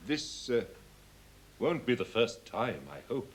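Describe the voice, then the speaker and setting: An actor playing a vain, self-assured leading actor rehearsing a scene in a 1970s televised stage drama. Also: male voice, medium pitch, sing-song, slow, slight background noise. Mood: stagey.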